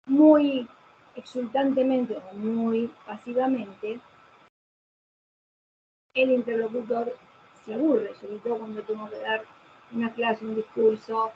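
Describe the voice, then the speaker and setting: A woman giving a didactic online lecture on voice care, posing rhetorical questions and answering them herself. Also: a little high. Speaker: voice specialist lecturing. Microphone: computer mic on a video call. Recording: muffled video-call audio with faint hiss.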